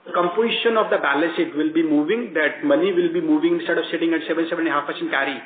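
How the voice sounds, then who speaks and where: A man, a bank executive explaining results to analysts on a conference call, halting and rephrasing as he goes. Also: on the high side. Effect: heard over a conference call line. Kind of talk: answering analyst questions on an earnings conference call. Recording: tinny echoey conference call line.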